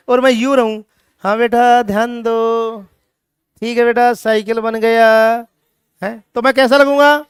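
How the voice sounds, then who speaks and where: This is a man lecturing a chemistry class with plenty of drive. His voice sits very high and rings smooth and resonant. He keeps teasing the students with rhetorical questions, and the recording is close and dry. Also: no room sound. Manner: energetic, scolding students playfully with rhetorical questions. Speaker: chemistry teacher.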